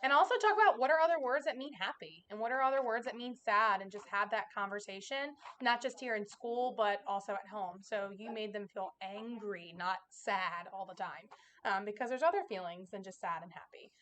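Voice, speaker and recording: A woman's voice: medium pitch, brisk, fairly bright tone. A woman kindergarten teacher giving an informal, conversational presentation to parents, explaining things directly.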